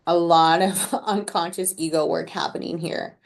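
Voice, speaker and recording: Chatty low-voiced woman reading tarot. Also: steady tone, moderate pace, vocal fry. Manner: chatty and slangy, with many "like" fillers; playful, laughing at her own remarks. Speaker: tarot reader. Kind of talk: casual collective tarot reading to camera.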